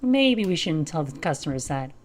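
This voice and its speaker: A woman's voice: sits low, very animated, moderate pace. A woman streamer giving casual gameplay commentary with wry asides.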